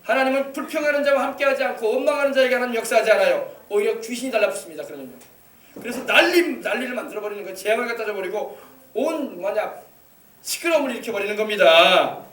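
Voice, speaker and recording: A man's voice: extremely high pitch, animated, quick pace, a bit bright. A male pastor preaching an emphatic sermon, exhorting the congregation with rhetorical questions. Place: church sanctuary. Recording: echoey church hall, mic at a distance.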